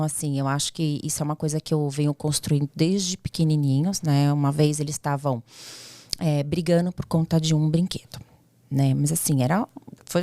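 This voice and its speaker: Low mellow-voiced mother telling stories. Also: no room sound. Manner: storytelling, firm, quotes herself and her kids. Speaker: guest, mother. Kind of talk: casual interview chat.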